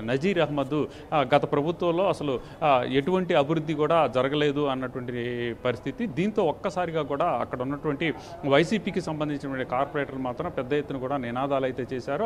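A man in his thirties giving a live news report from a council hall on a handheld mic, halting, with many fillers and restarts. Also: a little high. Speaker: field reporter. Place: council hall with a crowd around. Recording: noisy live report with crowd behind.

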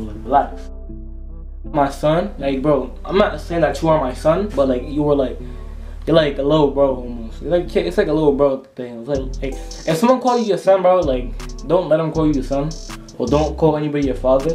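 A man's voice: mid-range voice, dark tone. A young man chatting casually to camera in heavy slang, peppering his talk with bro, yo and like. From Rhode Island, United States. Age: young adult. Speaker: vlogger. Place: indoors, home room. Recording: echoey room, music behind.

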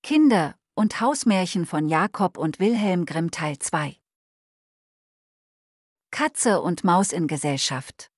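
Calm low-voiced woman reading a bedtime tale. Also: no room sound, clean studio sound. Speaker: audiobook narrator. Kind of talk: scripted fairy-tale narration for bedtime.

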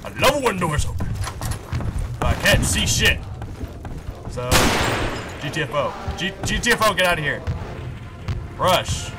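A man giving casual, profane commentary while playing a shooter game, prone to excited outbursts. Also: high-pitched, measured pace, long pauses. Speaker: gaming commentator. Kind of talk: casual let's play commentary. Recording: loud game music and gunfire behind.

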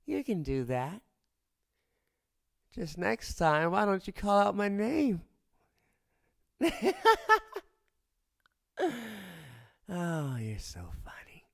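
Slow, sing-song and creaky, a high, exaggerated male voice performs an ASMR roleplay as a cocky boyfriend with fire powers. He teases in a playful manner and often drops down to close whispers.

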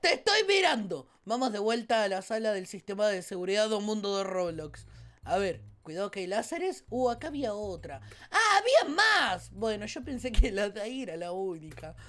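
A woman with a Rioplatense Spanish accent hosting a Let's Play, with excitable, playful, exclamatory commentary. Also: medium pitch, normal speed. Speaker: gaming channel host.

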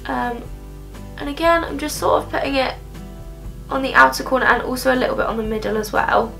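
Recorded by a close-range camera in front of her, a young woman beauty vlogger rambles through a makeup tutorial in her bedroom, full of "um" and slightly nasal from a cold. Her high voice is brisk, creaky and fairly bright, with faint music behind.

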